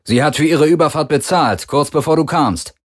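A man's voice: fairly high pitch, normal speed, voice pushed up, natural voice. A man voicing a shrewd woman starship captain. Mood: businesslike. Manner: dry, probing.

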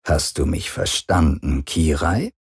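A possessive father looms in this audiobook, as a man gives him voice. He speaks low and slowly, his tone soft but threatening, with a husky edge. Every word sounds measured and cold. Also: expressive, full character voice. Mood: menacing. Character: cold, possessive, menacing middle-aged father.

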